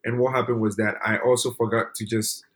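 A man's voice: fairly low pitch, level tone, brisk, fairly bright tone. A man on a podcast panel in casual, slangy banter, defending himself against teasing.

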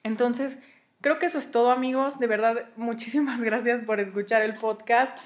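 A woman's voice: fairly high pitch, steady tone, moderate pace. A young woman with a Mexican Spanish accent, hosting her own podcast and talking casually and earnestly to her listeners, giving relationship advice. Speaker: podcast host.

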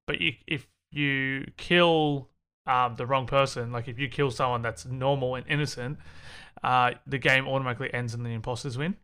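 Bright, giggly man, hesitant. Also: medium pitch, steady tone, moderate pace, clear, resonant tone. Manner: laughs often, hesitant, full of fillers. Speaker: podcast co-host. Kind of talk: casual gaming chat.

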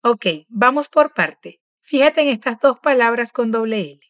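A woman's voice: fairly high pitch, animated, no echo, studio quality. Encouraging woman teacher. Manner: patient, encouraging, models words slowly. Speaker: language teacher. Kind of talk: pronunciation drill lesson.

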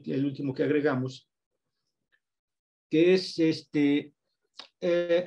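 Mexican man, interview guest, patient teacherly explainer with a slightly raised pitch. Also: darkish tone. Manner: patient, teacherly, spells out examples slowly. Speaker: guest researcher on reading instruction.

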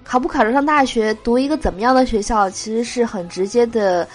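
A woman's voice: on the high side, fairly quick, faint music behind. A woman hosting a joke show, reading jokes aloud with a nasal voice from a cold and laughing at her own punchlines.

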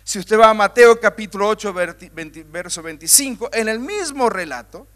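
A man's voice: sits high, expressive, moderate pace, fairly bright tone. A man preaching a sermon with emphatic, building repetition, talking directly to his listeners.

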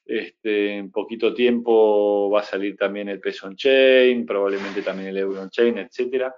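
A man's voice: on the low side, fairly even intonation, a little hiss or hum. Man explaining tech, dull lo-fi audio. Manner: measured, technical, many restarts. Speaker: guest, crypto project founder. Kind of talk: explanatory interview answers.

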